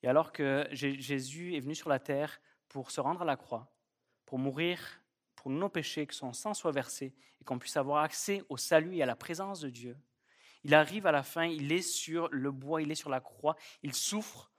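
A man's voice: on the high side, normal speed. A man preaching a sermon at a church service, emphatic and fond of repeating key phrases. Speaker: pastor.

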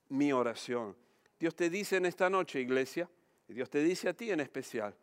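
Male preacher, slow deliberate delivery, acts out the voices in his story, church hall echo. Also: fairly high pitch, a bit bright, clean tone. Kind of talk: sermon.

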